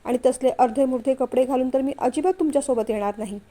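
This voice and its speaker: A woman reads out a modest young wife, shy and quick to protest. The high, mellow voice has a gentle storybook lilt. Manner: pleading, flustered. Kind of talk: storytelling read-aloud.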